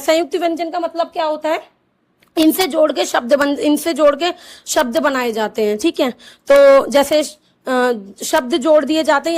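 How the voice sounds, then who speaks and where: A woman teaching a lesson to camera, explaining slowly and repeating sounds, often asking a question and answering it herself. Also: high voice. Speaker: Hindi teacher.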